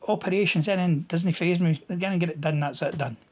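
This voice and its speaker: A man with a Scottish accent telling his own story in a plain-spoken, halting way, with restarts and local words. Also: a little high. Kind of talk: casual storytelling to camera.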